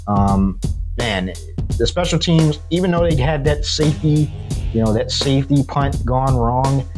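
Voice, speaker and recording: A man's voice: medium pitch, unhurried, over music. A man hosting a solo sports recap, giving blunt, critical commentary. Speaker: sports video host.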